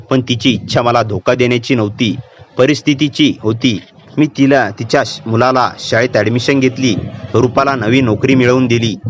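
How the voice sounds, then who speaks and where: A man reading a first-person horror story in a steady storytelling manner. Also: medium pitch, a little hiss or hum. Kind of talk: scripted horror story narration.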